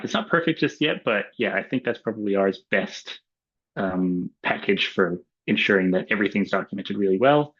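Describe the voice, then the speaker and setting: Low-voiced Australian man on a lo-fi webinar. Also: fairly bright tone. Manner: casual, many ums and uhs. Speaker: webinar presenter. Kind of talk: relaxed webinar talk with slides. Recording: dull lo-fi webinar audio.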